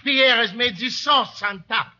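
A man playing a proud, excitable French cook with a flamboyant French accent and broken English in a 1940s radio comedy. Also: very high voice, measured pace, exaggerated voice. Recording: muffled old radio broadcast.

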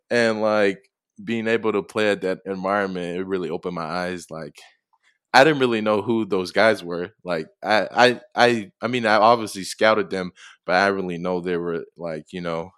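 A young man from Tonga, a football player being interviewed, answering in a soft, hesitant way with many fillers. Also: low voice, normal speed, clear, resonant tone, no room sound, clean studio sound. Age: young adult.

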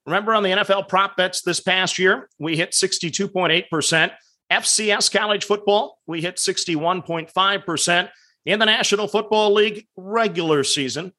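Man, podcast host, sports betting recap, upbeat, stat-heavy, fairly high voice. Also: bright, forceful tone. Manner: upbeat, rattles off results and stats.

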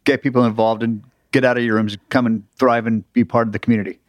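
A man's voice: mid-range voice, flat delivery, quick pace, dry recording. A middle-aged man co-hosting a podcast in casual chat, easygoing with a dry sense of humor. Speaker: podcast co-host.

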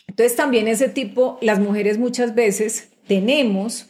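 A woman's voice: on the high side, unhurried, a little mellow. A middle-aged woman, a guest executive explaining her views in a conversational interview and often checking in with the listener.

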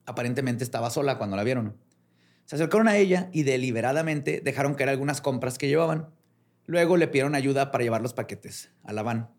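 A man's voice: medium pitch, quick pace. A man with a Mexican accent, a podcast host narrating a story in casual chat, tagging his sentences with slang. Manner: relaxed slangy narration, ends phrases with filler slang.

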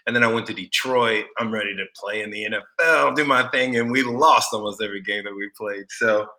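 Bright-voiced easygoing man from Texas. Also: lowish voice, fairly quick. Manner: easygoing, laughs easily. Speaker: podcast guest, former football player. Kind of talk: casual interview chat.

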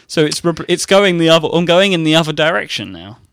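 A man's voice: a little high, very animated, creaky, a bit bright, clear, resonant tone, no room sound, studio quality. A man from Britain with an English accent, chatting casually and good-humouredly as a co-host. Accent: English, th-fronting. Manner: good-humoured, quick to laugh. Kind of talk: casual comedic chat.

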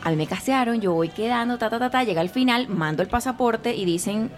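A woman with a Venezuelan accent, chatting as a guest on a podcast and telling anecdotes lively, acting out the voices of others. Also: on the high side, brisk, faint music behind. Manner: animated storyteller, acts out quoted voices. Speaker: guest actress. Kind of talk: casual podcast chat.

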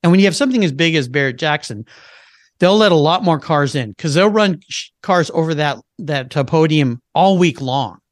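A man's voice: on the high side, lively intonation, moderate pace, no echo, clean studio sound. A man talking casually and with enthusiasm in a radio interview, using plenty of fillers. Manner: chatty and enthusiastic, with many fillers. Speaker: car show host and guest expert.

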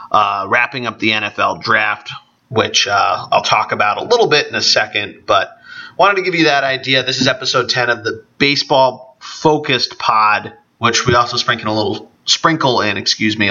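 A man with a gravelly, allergy-congested voice talking casually on his own as a sports podcast host. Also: mid-range voice, pushed and bright. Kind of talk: casual solo podcast talk. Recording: dull, band-limited podcast audio.

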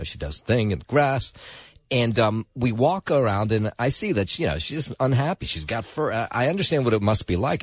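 A man hosting morning radio news, telling a casual story in a chatty, relaxed way. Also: mid-range voice, slightly rough, no echo. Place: radio studio.

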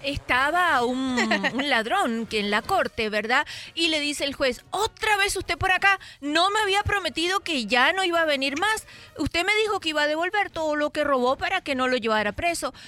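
A woman co-host telling a joke on a radio show, with slow, deliberate delivery. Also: high voice, lively intonation, pushed and bright.

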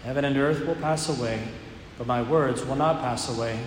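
Male priest preaching in a big church, cathedral echo, long reverb tail, faint room hum. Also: mid-range voice. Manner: measured, unhurried delivery with frequent "uh" fillers. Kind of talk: liturgical reading, parish announcements and homily. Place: large church.

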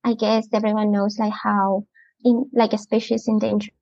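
A woman's voice: mid-range voice, level tone, moderate pace, creaky, mellow, no room sound. A woman in her thirties from Ecuador with a Latin American Spanish accent, a chatty and enthusiastic outdoor preschool educator talking as an interview guest. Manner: enthusiastic, chatty, laughs often. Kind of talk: casual interview chat. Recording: muffled lo-fi podcast audio.

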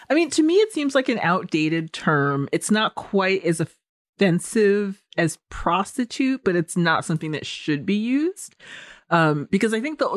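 A woman's voice: medium pitch, no room sound, studio quality. A woman co-hosting a film podcast, giving thoughtful, explanatory commentary in a conversational way.

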